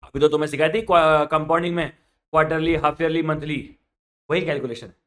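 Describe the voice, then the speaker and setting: A male maths teacher teaching through a story, switching between quiet asides and loud outbursts. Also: a little high, fairly even intonation, fast talker. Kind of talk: storytelling lesson.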